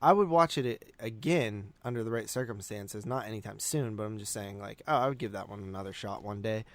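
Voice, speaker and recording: Speaking a little fast in a lowish voice, a man co-hosts a podcast and casually reviews films. His talk is loose and conversational, often coming back around to the same point.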